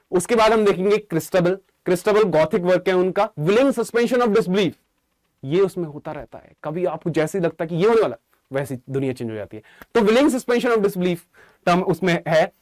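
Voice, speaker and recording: Man, Indian accent, high voice, chatty literature lecture, dry close sound. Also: no room sound. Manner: chatty, informal, jokes with students. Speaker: English literature teacher. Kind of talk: exam-prep lecture.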